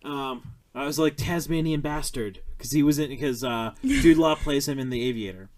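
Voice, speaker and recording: A man's voice: medium pitch, moderate pace. A man hosting a podcast, chatting casually about a film, rambling with lots of fillers, restarts and swearing. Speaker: podcast host.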